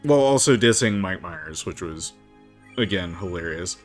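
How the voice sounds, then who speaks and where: A game streamer with a low-pitched voice and lively intonation chats and jokes at a moderate pace while playing a video game. He laughs often, and game music plays behind his casual let's-play commentary.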